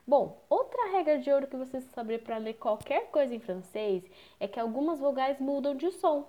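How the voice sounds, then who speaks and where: A woman's voice: fairly high pitch, darkish tone. A woman with a Brazilian Portuguese accent, explaining French pronunciation rules as a teacher and answering her own questions. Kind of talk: pronunciation lesson.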